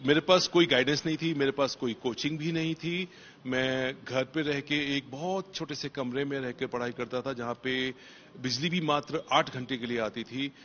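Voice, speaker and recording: A man's voice: medium pitch, fairly even intonation, moderate pace, fairly bright tone, dull audio, a little hiss or hum. A man, a police officer, answering interview questions in an emphatic motivational way and repeating key phrases for stress.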